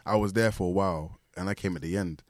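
A man's voice: deep voice, quick pace, no echo. A man with an urban London roadman accent, chatting casually in street slang as a podcast host.

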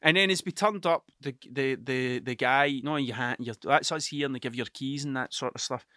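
This podcast host, a middle-aged man with an Ayrshire accent from Scotland, spins a rambling, casual story sprinkled with swearing and repeated "do you know what I mean." He talks fairly quickly in a mid-range, sharp voice, and the recording is dry and studio-clean.

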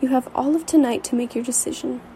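Storybook villain: cruel, domineering man, read by a woman narrator, gravelly. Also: high voice, steady tone, fast talker, mellow, slight background noise. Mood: menacing. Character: cruel domineering young male usurper.

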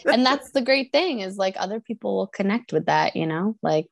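A woman's voice: medium pitch, expressive, brisk, creaky, no echo, studio quality. A woman in her thirties co-hosting a podcast, chatting casually and laughing often. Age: 30s. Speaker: podcast co-host. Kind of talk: casual chat.

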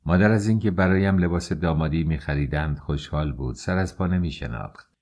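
A man narrating an audiobook story in an emotional, slow and dramatic way. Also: extremely low pitch, darkish tone.

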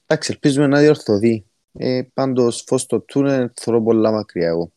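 A man's voice: medium pitch, lively intonation, dark tone, dry recording, clean studio sound. A man with a Cypriot Greek accent, giving his opinions as a panellist in a casual football discussion.

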